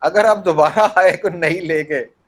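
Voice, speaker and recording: A man lecturing a class with a fairly high voice. He acts out small scenes to explain a point, puts questions to his students and slips English phrases into his speech. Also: unhurried, rough recording. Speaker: university lecturer.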